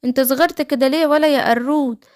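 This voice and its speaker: A woman's voice: sits high, steady tone, darkish tone, lightly acted. A woman with an Egyptian accent voicing caring, scolding animal mothers in a children's cartoon story. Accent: Egyptian Arabic. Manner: brisk motherly calling and scolding.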